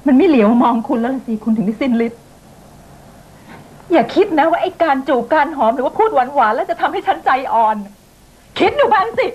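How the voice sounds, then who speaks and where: High-strung middle-aged wife, shrill and swinging, TV drama. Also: female voice, expressive, fairly quick, a little mellow, muffled recording, slight background noise. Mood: bitter. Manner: shrill, sobbing outbursts. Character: bitter neglected middle-aged wife, nervous and explosive. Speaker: mother and wife.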